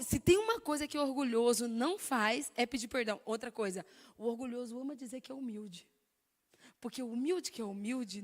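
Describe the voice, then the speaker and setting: A woman with a Brazilian Portuguese accent giving an animated, emphatic talk on stage, sharing her own story. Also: on the high side. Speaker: speaker sharing testimony. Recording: long hall reverb.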